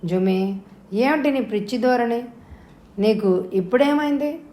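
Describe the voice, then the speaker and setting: A woman's voice: fairly high pitch, a little slow, mellow, lightly acted. Woman voicing an anguished pleading young lover. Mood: anxious. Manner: impassioned, earnest pleading. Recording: roomy echo.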